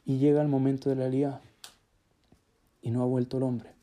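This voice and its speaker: A man telling a religious story as a sermon, acting out the characters' dialogue in an animated way. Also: medium pitch, moderate pace.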